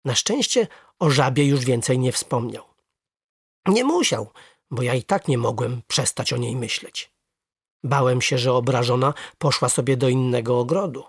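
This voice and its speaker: Expressive storybook narrator, husky tone, lots of pitch movement, dry studio read. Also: no room sound. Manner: lively, expressive first-person narration. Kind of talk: children's story reading.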